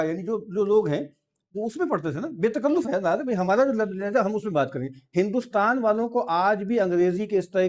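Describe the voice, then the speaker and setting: A man giving an informal, discursive lecture, with asides and soft laughs, and reading verse slowly. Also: high-pitched. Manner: reads verse slowly and drawn out.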